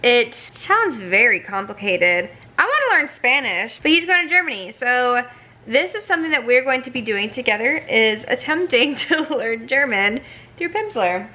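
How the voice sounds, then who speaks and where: A young woman hosting a casual home vlog, self-deprecating and quick to laugh. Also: a little high, sing-song, pushed and bright. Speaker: vlog host.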